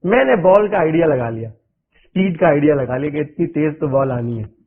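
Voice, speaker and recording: A man's voice: fairly high pitch, lively intonation. A middle-aged man from Pakistan, a cricketer guest telling stories in loose, run-on sentences and chuckling often. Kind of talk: anecdotal interview storytelling. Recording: narrow phone-like radio audio.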